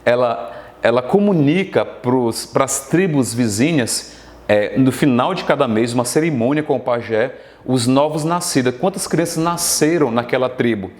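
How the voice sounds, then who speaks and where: A man's voice: mid-range voice, lively intonation, moderate pace, a little mellow, echoey room. A man with a Brazilian Portuguese accent teaching a televised language lesson, explaining rules and often checking that students follow. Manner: explanatory, asks frequent check-ins to students. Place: studio classroom.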